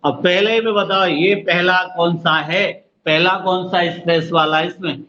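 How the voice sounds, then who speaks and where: A man teaching an online exam-prep class, drawing words out slowly syllable by syllable and calling his students "beta", with an Indian English accent. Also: high-pitched, steady tone, pushed and bright. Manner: slow, drawn-out spelling of words, addresses students as "beta". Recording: dull lo-fi audio with faint noise.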